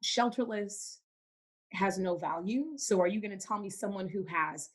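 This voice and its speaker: A woman's voice: mid-range voice, moderate pace, breathy edge. A young woman from Cameroon, a podcast guest in casual faith-based conversation, who speaks emphatically and repeats words for stress.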